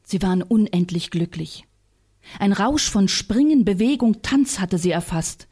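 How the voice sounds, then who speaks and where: A woman reading literary prose aloud in a staged reading, telling it in a calm, measured way. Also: mid-range voice, breathy edge. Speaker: reader.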